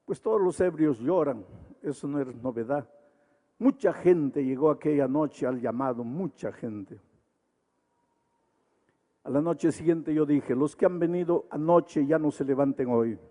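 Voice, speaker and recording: A man preaching an evangelistic sermon with a Latin American Spanish accent, swelling into loud, impassioned appeals. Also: a little high, normal speed. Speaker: pastor. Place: large arena. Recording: echoey arena with long reverb.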